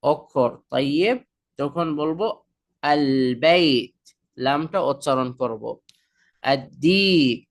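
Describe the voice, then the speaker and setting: A man teaching an Arabic lesson, drawing out each example word slowly and carefully for learners. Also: a little high, fairly bright tone. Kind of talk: language lesson.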